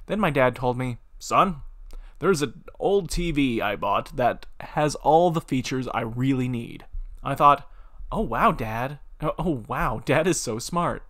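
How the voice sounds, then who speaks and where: Amused male YouTuber, unhurried read with laughs, desk mic. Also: medium pitch, expressive, a bit bright. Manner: amused, breaks into laughter while reading. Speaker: YouTuber reading computer-written stories aloud. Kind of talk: casual reading with commentary.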